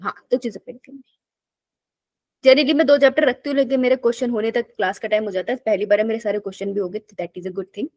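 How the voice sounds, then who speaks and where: A woman's voice: on the high side, no echo. A young woman teaching a live online biology class in a casual, chatty way, telling stories and often laughing.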